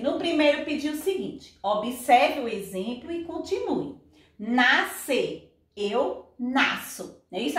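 A woman teacher takes her class through the material slowly and patiently. Her voice sits high and she keeps asking whether everyone understands. The sound is echoey and comes from some distance away. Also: a bit bright. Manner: patient, checks understanding with repeated questions. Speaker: Portuguese teacher. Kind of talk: recorded class lesson.

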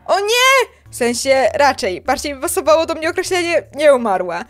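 A woman voicing a weary, oversensitive undead girl in a game, speaking flat, quiet and deadpan. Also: sits high, moderate pace, faint music behind.

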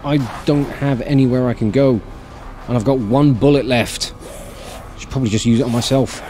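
Seated at his gaming setup indoors, a thirty-something streamer swears and grumbles casually through his gameplay, mic held close. He speaks at a moderate pace with a medium pitch and fairly even intonation. Background noise mixes with the game's music and sound effects.

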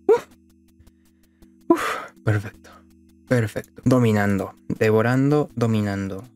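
A streamer with a Mexican accent and a low-ish, slightly mellow voice provides casual gameplay commentary, muttering to himself, swearing, and repeating phrases.

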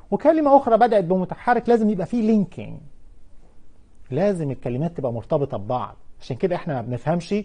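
Lively mellow Egyptian English teacher. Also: male voice, a little high. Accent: Egyptian Arabic. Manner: explains in Arabic, drawing out English example words slowly. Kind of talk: televised live English lesson.

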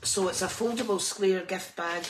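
A woman's voice: medium pitch, fairly even intonation, normal speed. A woman with whistling s sounds, chatting informally as she hosts a craft tutorial, drifting into small asides. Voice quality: whistling sibilant s sounds when speaking. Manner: informal, rambling, self-interrupting with small asides and sing-song filler. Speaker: host of a live papercraft class. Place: at a craft table indoors. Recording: clearly noisy with clicks.

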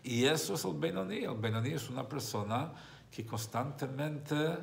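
A man's voice: fairly high pitch, moderate pace, gravelly, slight background noise. A man, a rabbi, teaching a religious text class, who explains by repeating and rephrasing his points and tells a story along the way.

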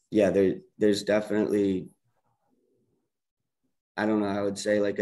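Man on a video call, low monotone, hesitant delivery, voice going. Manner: halting, many fillers and restarts. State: losing his voice. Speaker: project team member on community call. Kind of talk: casual call talk.

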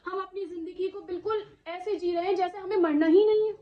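A woman delivers an emotional religious talk to a gathered audience, her voice pitched very high. She presses her listeners with rhetorical questions and "isn't it?" asides. The sound is echoey and dull, like a lo-fi recording in a hall. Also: steady tone, a little fast. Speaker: Islamic speaker addressing a women's gathering.

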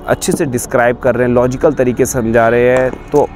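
Faint music plays behind this spoken coaching tutorial, in which a man in his thirties explains bowling grips one step at a time while showing a ball grip outdoors. He talks a little fast in a mid-range, slightly mellow voice with fairly even intonation, picked up by a lapel mic on a camera facing him.

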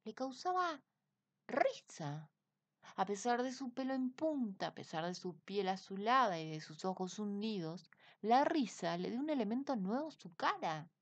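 A woman reading a children's storybook aloud in an expressive, unhurried way. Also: mid-range voice, no echo. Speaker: reader.

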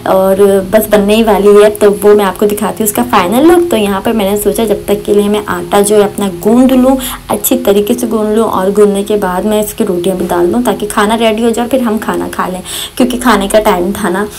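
A young woman records a separate voice-over for her home cooking vlog, set in a home kitchen, chatting casually and rambling with many fillers and religious phrases. Her medium-pitched voice is steady in tone and fairly quick, and the recording quality is low.

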